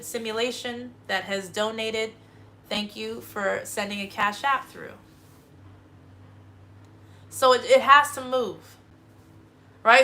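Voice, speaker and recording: A woman's voice: a little high, pushed and bright. A woman hosting a livestream, giving a rambling spiritual monologue full of swearing and emphatic bursts. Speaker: livestream host.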